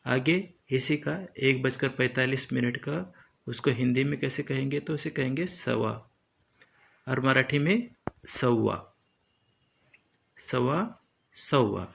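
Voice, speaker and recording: A man teaching a lesson slowly and deliberately, repeating each term as he explains it. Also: medium pitch, vocal fry, a bit bright.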